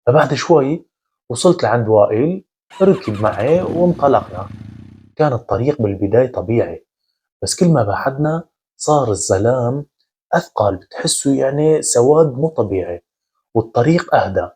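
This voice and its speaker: A man narrating a first-person horror story in a measured, conversational way. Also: mid-range voice, animated, mellow, husky.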